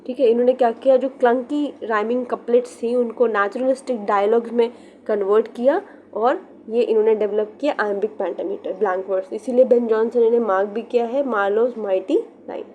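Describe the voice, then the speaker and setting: Young woman, exam-prep lecturer, patient step-by-step explainer, slightly high pitch, light background noise. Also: fairly even intonation, moderate pace, mellow, dull audio. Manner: explains step by step, repeats key terms, mixes in English. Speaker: literature teacher.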